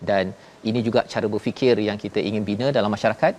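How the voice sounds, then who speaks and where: Malaysian guy hosting a quran lesson, lowish voice, explains with emphasis. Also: steady tone, racing, a little mellow, slight background noise. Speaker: Quran teacher and host.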